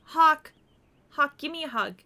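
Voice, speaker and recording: A woman's voice: sits high, expressive, unhurried, bright, forceful tone. A woman from the United States chatting casually and profanely on a game stream, laughing often. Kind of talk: casual live-stream chat.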